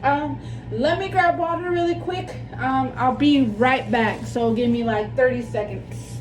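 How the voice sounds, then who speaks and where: A woman's voice: high voice, a little slow. A woman in her thirties with a lisp, chatting casually and in a rambling, self-deprecating way as she demonstrates something for a vlog. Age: 30s. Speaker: plant vlogger. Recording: echoey room, distant mic, background music.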